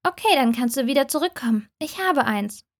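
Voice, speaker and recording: A woman's voice: high voice, lively intonation, brisk. A woman voicing a moody young female student with curt, grumpy replies in an audiobook. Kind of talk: audiobook reading.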